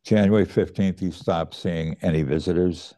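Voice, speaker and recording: A middle-aged man slowly telling a personal story, reflective and hesitant, pausing and restarting his words. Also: low-pitched, fairly even intonation, dark tone. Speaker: student recounting his teacher's death.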